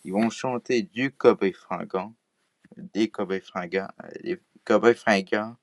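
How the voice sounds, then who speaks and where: A man's voice: fairly low pitch, measured pace, no room sound. A man with a Québécois accent talking casually to camera in a vlog, hesitant, with many fillers and restarts. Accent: Québécois French. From Quebec. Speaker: vlogger.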